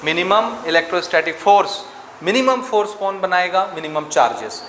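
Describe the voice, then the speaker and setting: A man teaches physics to a class in a slightly high voice, working numbers out aloud and asking students for answers. The room is echoey, with faint noise behind him. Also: lively intonation, moderate pace, fairly bright tone. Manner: asks students questions, works sums aloud. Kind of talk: classroom lecture.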